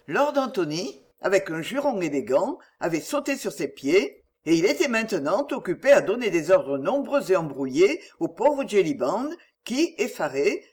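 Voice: mid-range voice, husky. An audiobook reader narrating a classic novel expressively, voicing each character.

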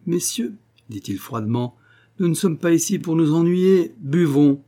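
A man reading aloud, voicing a sly, dry-witted older timber merchant with a deadpan, mocking manner. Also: a little high, unhurried, pitched above the performer's own voice.

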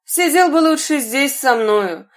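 A woman's voice: high-pitched, lively intonation, unhurried. A woman voicing a kindly, cautious old father who talks in a fussing, fatherly way.

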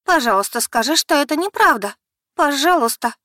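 A woman reading an audiobook and voicing a distraught young woman who pleads and shouts at her sister, near hysterical. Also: high-pitched, expressive, moderate pace, no room sound, clean studio sound, pitched above the performer's own voice. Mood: pleading.

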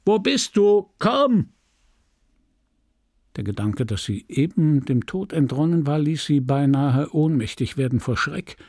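A man reading a classic novel aloud as an audiobook, with dramatic, measured storytelling on a close studio mic. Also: medium pitch, warm tone, dry recording. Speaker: audiobook reader. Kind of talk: literary audiobook narration.

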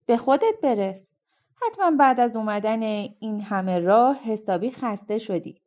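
A woman's voice: on the high side, expressive, mellow, lightly acted. A woman reading a storybook, voicing a friendly male dwarf who chats hospitably to a guest. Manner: hospitable, chatty.

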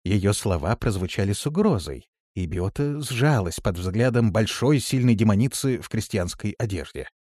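A man narrating an audiobook in an expressive, steady storytelling manner. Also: lowish voice, normal speed, few pauses, no echo, studio quality. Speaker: audiobook reader. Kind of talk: scripted narration.

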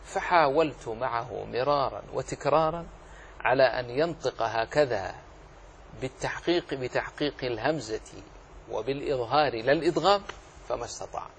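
A middle-aged man teaching a religious lesson on Quran recitation, explaining rules patiently and slowing down to demonstrate readings. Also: mid-range voice, gravelly, a bit bright, a little hiss or hum. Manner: explanatory, acts out quoted readings slowly.

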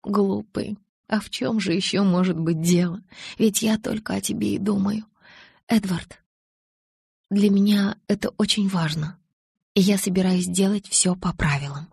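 A woman's voice: medium pitch, steady tone, measured pace, vocal fry, darkish tone, breathy edge, no room sound, full character voice. A woman reading the lines of a stubborn young woman in love in an audiobook, with breathless, raised pleas. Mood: tender.

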